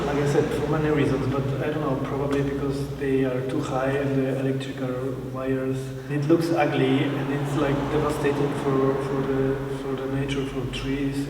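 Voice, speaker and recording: A man's voice: medium pitch, a little mellow. A man from Poland with a Polish accent, a photographer talking in an interview, hesitant and full of fillers and restarts. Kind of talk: interview talk. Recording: echoey hall, distant mic, faint noise.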